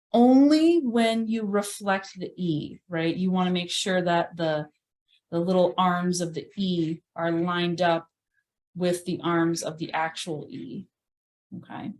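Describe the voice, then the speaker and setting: A woman's voice: fairly low pitch, takes it slowly, a little mellow. A woman leading a live virtual painting class, chatting and thinking aloud as she paints, often laughing at herself. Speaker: painting instructor. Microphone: video call.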